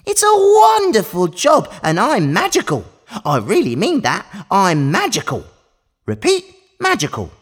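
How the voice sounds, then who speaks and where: A woman's voice: mid-range voice, huge pitch swings, measured pace, husky, exaggerated voice. A woman voicing a boastful, gleeful magical tooth-collecting mouse for a children's story, exclaiming and giggling like an overbright party host. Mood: excited, playful. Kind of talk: children's storytelling for a listening exercise.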